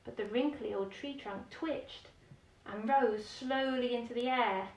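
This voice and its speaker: A woman with a slightly high voice reads a children's picture book as a bedtime story at a measured pace. She's expressive, adding chatty explanations and questions for young listeners. The microphone is distant and the room has a roomy echo.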